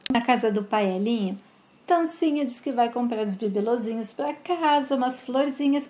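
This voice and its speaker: A woman narrates a soap opera recap in a relaxed way, calling the characters by fond, pitying pet names. Her voice is high and mellow, and the recording carries a roomy echo.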